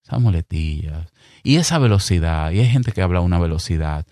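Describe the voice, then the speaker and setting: A man with a Dominican accent hosting a podcast, giving emphatic, direct advice and speaking slowly and clearly on purpose. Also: low voice, animated, darkish tone, no room sound, studio quality. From Dominican Republic. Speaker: podcast host. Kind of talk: advice talk to fellow podcasters.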